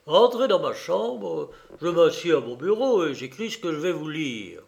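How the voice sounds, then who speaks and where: Guy putting on a high loud bragging fencing teacher, theatrical, audiobook. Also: very animated, normal speed, creaky. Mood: eager. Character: excitable boastful man, fencing master. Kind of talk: audiobook character voice.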